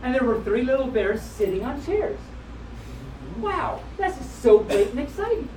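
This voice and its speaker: A woman with a high, darkish-toned voice reads picture books to a live convention audience, very animated and at a moderate pace. Her reading is punctuated by playful, wry commentary on the text. The sound is roomy and far off, with evident noise from the live setting.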